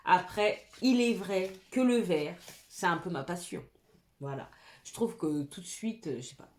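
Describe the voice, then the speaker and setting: A woman's voice: fairly low pitch, animated, measured pace, a little mellow. Chatty woman in an echoey room. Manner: chatty, enthusiastic, fills with "voilà". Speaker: beauty youtuber. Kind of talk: casual makeup vlog.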